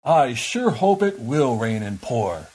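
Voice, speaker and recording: A storybook reader voicing a content tree toad in a raised, loud voice. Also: mid-range voice, very animated, slow, breathy edge, full character voice.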